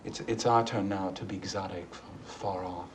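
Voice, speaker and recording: An actor playing a restless young adult son, brooding and hesitant. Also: male voice, low voice, fairly even intonation, moderate pace, a little hiss or hum, natural voice, poor audio. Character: restless young man son, weary, yearning to leave. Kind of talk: stage play acting.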